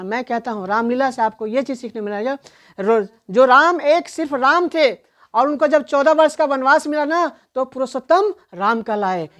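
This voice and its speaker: A woman teaching an online English grammar lesson, asking questions and answering them herself, and reading out English examples slowly. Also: on the high side, a bit bright. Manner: explains in Hindi, reads English examples slowly.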